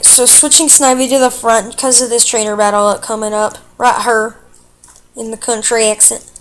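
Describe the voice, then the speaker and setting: A chatty woman talks through a let's play in a fairly high voice, explaining her choices as she goes. Her delivery is casual and excitable, full of fillers, and she reacts out loud to every twist in the game. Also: slight background noise. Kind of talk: casual gameplay commentary.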